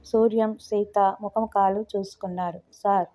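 A woman narrating a novel in a calm, measured storytelling manner. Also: mid-range voice. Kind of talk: novel reading.

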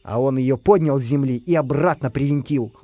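A man's voice: medium pitch, fairly quick, warm tone, dry recording, muffled recording, lightly acted. A man voicing a sober little iron craftsman in a matter-of-fact, sighing way.

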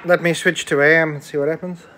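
A fast-talking man with a higher-pitched, level voice that sounds pushed and bright narrates casually as he works hands-on with electronics. He is a hobbyist presenter at a workbench in a small indoor room, and there's slight background noise.

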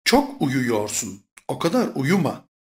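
A speaker reads short course phrases at a measured pace. The voice is mid-pitched, and the intonation moves up and down a lot. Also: very animated, a little mellow. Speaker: Turkish phrase reader. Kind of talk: scripted phrasebook reading.

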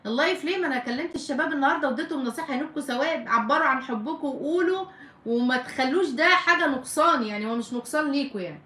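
A middle-aged Egyptian woman hosts a live question-and-answer stream as a family counselor. She talks quickly in a fairly high voice, pressing her points with firm, repeated warnings. The recording has a roomy echo. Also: a bit bright. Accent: Egyptian Arabic. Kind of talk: live Q&A chat reading viewer comments.

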